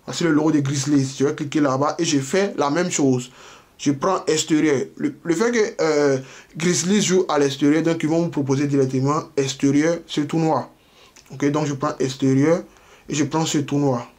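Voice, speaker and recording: Man explaining bets step by step. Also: a little high. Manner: explains step by step, repeats phrases, frequent "voilà" and "ok"; addresses viewers directly, informal. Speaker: sports betting tipster. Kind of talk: screen-share tutorial.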